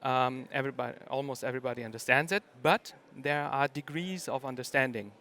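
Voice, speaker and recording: A man's voice: mid-range voice, a little fast, sharp tone. A middle-aged man from Germany, giving a conference talk and hesitating often with ums and uhs. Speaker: conference speaker.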